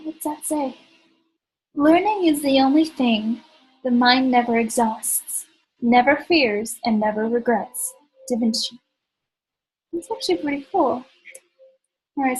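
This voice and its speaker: A woman gives let's play commentary, thinking aloud and making dry sarcastic jokes. Her voice is high and she talks in an unhurried way. Faint music plays underneath. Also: darkish tone, breathy edge, low-quality recording. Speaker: gaming channel host.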